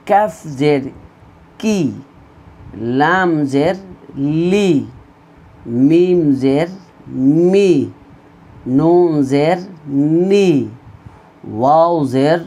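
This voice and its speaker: A man's voice: on the high side, warm tone. A man teaching an online Quran reading lesson, drilling letter sounds in pairs and having students repeat after him. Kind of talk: slow recorded online lesson.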